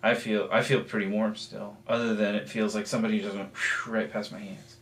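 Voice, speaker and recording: Lowish-voiced man chatting on a ghost hunt. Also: flat delivery, a little fast, reverberant. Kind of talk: casual chat.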